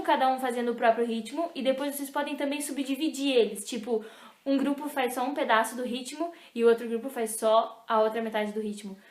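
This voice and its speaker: A young woman teaching an online music lesson, slowly and patiently explaining rhythms and chanting syllables to the beat. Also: fairly high pitch. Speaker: music teacher for a youth club. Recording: echoey room, faint noise.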